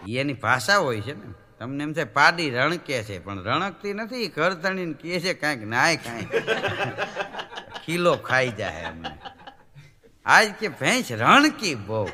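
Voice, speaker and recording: A man's voice: a little high, noisy background. A man, a folk comedian telling jokes on stage and acting out voices and animal sounds. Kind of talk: live stage joke-telling. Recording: reverberant hall recording.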